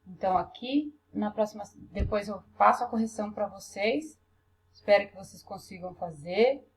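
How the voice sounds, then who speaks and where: A woman's voice: mid-range voice, moderate pace. A woman with a Brazilian Portuguese accent, teaching a class through a workbook, step by step and often checking in with her students. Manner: patient, explains step by step, checks in with "tá?".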